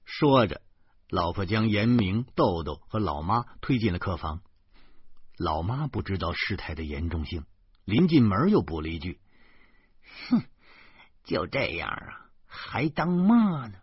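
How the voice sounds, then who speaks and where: A husky-voiced man reads a serialized novel aloud, his pitch moving in lively swings. It sounds dry and close, but dull and lo-fi. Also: moderate pace, no echo. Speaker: audiobook reader.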